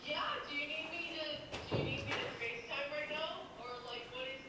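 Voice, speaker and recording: A woman's voice: sits high, steady tone, a little fast, heavy background noise. Woman on speakerphone, echoey and distant. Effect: heard over a speakerphone. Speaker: board member calling in. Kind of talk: casual meeting chat. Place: meeting room, heard through a phone speaker.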